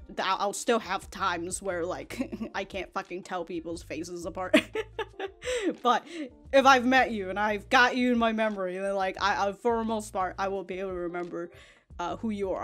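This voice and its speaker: A young woman in her twenties hosts an anime reaction video, her mid-range voice slightly bright as she chats close to a big foam-covered studio mic. She rambles through a casual review, laughing often, swearing, and repeating words, in a small room with an anime backdrop behind her.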